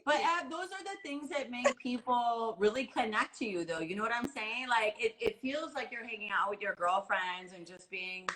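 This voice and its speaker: A woman's voice: a little high, normal speed, hardly any pauses, crowd noise, rough recording. A woman hosting a radio interview, enthusiastic and gushing, swearing casually. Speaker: radio host.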